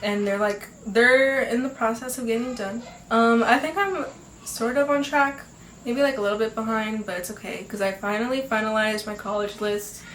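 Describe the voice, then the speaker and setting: Her voice is a little high, steady, and a bit bright, at a normal speed, with a slight nasal quality from congestion. She's a teenager hosting her own podcast, chatting in an upbeat way with lots of fillers and laughs, recorded in an echoey home room with faint ambience and a little hiss or hum.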